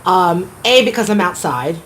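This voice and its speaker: A woman's voice: lowish voice, lively intonation, moderate pace, fairly bright tone. A middle-aged woman from Florida chatting casually while eating on camera outdoors at her home, rambling between bites. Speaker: mukbang vlogger. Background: faint outdoor ambience, construction noise.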